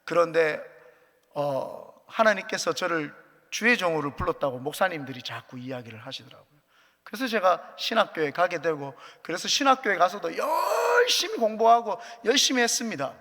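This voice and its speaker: A man's voice: sits high, big pitch swings, normal speed, sharp tone. A man, a pastor, preaching a sermon as earnest personal testimony with light jokes, in a church sanctuary. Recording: echoey church hall.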